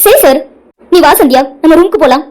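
A woman doing a high-pitched fretful cartoon mother. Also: lively intonation, fast talker, a little mellow. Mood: concerned. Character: worried middle-aged mother, caring and anxious.

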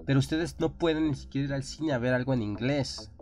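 A man's voice: medium pitch, brisk, darkish tone. A man with a Mexican accent hosting a radio show, delivering an impassioned, opinionated monologue full of rhetorical questions.

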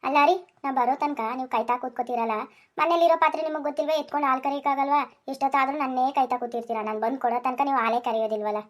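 Woman voicing a sharp-tongued village wife. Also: sits high, fairly even intonation, racing, close to an everyday voice. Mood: teasing. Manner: scolding, sharp retorts. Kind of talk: Kannada cartoon voice acting.

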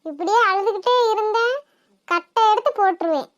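A woman's voice: extremely high pitch, a little fast, fairly bright tone, muffled recording. A woman doing a scolding village mum. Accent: Kanyakumari Tamil. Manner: scolding, exasperated. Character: scolding village mother, short-tempered.

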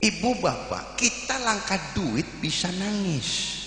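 Man, live preacher; slow, lively, jokey delivery with shouted peaks; recorded in a booming, reverberant hall. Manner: jokey, questions the audience directly; swings between soft asides and shouted exhortation. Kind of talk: live sermon to a crowd. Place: large hall at a live religious gathering. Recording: echoey hall with long reverb.

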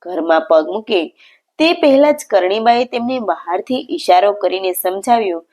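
A woman's voice: mid-range voice, animated, moderate pace, darkish tone. A woman narrating a devotional story, explaining words as she goes and praising the devotee.

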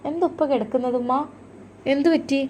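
A woman voicing a caring young daughter in a storybook tale, speaking higher, eager and quick. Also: a little mellow, slight background noise, natural voice. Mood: worried, caring.

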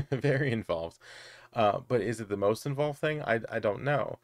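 Low-voiced man chatting about crafts. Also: no echo. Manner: chatty, hesitant, many restarts and ums. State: has the hiccups. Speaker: crochet and knitting channel host. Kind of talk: casual Q&A chat.

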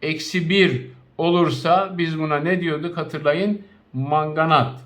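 A male chemistry teacher giving a recorded lesson, addressing his students directly and spelling out compound names slowly, with frequent recaps. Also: on the high side, steady tone, a bit bright.

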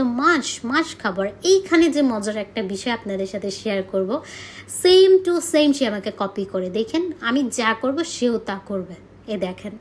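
A woman's voice: fairly high pitch, darkish tone. A young woman from Bangladesh narrating her vlog in a chatty, casual way, often dropping English words into her speech. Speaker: vlogger.

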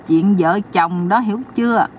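A woman voicing a stern male river spirit who gives slow, commanding orders, recorded from a distance with faint noise behind. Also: medium pitch, a little mellow, close to an everyday voice.

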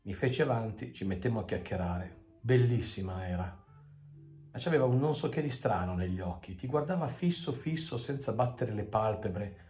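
A man reading a story aloud as a narrator, measured and dry, in an echoey room with faint music. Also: on the low side, expressive, darkish tone. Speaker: audiobook reader. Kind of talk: scripted narration.

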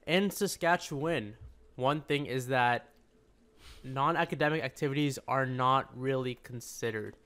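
A man's voice: medium pitch, measured pace, fairly bright tone. Young male co-host, easygoing explainer, mid-range voice. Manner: joking, easygoing, explains admissions steps. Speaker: podcast co-host. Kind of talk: casual podcast chat.

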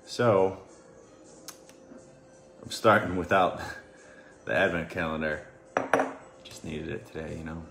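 A man co-hosting a casual home livestream, joking and mumbling softly. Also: deep voice, fairly even intonation, takes it slowly, creaky, long pauses, reverberant, noisy background. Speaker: co-host.

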